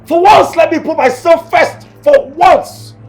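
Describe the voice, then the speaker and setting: A man's voice: very high voice, a little slow, gravelly, darkish tone, faint music behind, full character voice. An actor with a Nigerian accent playing a defiant young man who rejects a royal claim, agitated and repeating himself. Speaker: young man told he is a king's heir.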